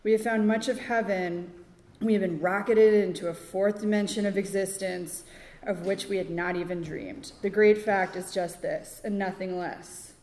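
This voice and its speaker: Woman recovery speaker, halting, chatty fillers, small laughs, recorded in a reverberant hall. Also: medium pitch, steady tone, a little mellow. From Connecticut, USA. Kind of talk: personal recovery testimony. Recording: echoey hall with long reverb.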